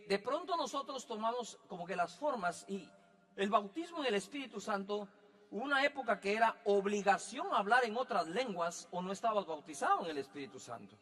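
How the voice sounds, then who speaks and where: A man's voice: high voice, bright, forceful tone, long reverb tail. A man preaching a sermon as a pastor, talking in a loose, joking way and often asking the listeners whether they follow him. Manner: conversational, joking, keeps asking if he is understood.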